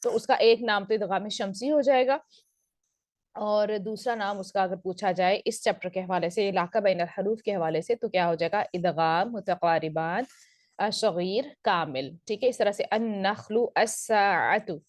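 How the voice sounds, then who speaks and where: A woman's voice: medium pitch, moderate pace, darkish tone, no echo, studio quality. A woman teaching Quran recitation rules in a recorded lesson, explaining step by step and putting questions to her students before answering them.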